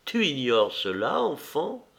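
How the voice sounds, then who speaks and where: A man's voice: mid-range voice, huge pitch swings, slow pace, creaky, a bit bright, full character voice. A man reading the part of a proud, bitter imperial Roman mother in an audiobook, in a stern, commanding manner.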